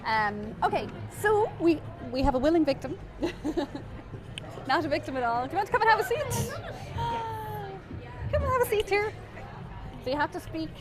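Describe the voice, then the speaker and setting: An enthusiastic woman hosts a live podcast from a busy shop. Her voice is high and swings widely in pitch. She keeps encouraging her guests as she talks. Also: very animated, normal speed, long pauses. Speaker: host.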